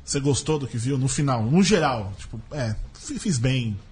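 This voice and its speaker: A man's voice: medium pitch, animated, moderate pace, darkish tone. A Brazilian man hosting a podcast in casual, informal, slangy conversation. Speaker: podcast host. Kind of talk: casual chat.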